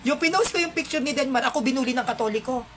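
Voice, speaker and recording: A woman's voice: sits high, rapid-fire, fairly bright tone, a little hiss or hum. A woman with a Filipino accent, delivering an indignant, heated monologue to her viewers with rhetorical asides.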